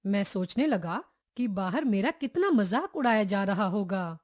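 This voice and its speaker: Woman reading a kids' textbook story, lots of pitch swings, acts out the lines. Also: unhurried. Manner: expressive, acts out each character's lines. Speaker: textbook chapter reader. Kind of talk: storytelling read-aloud for children.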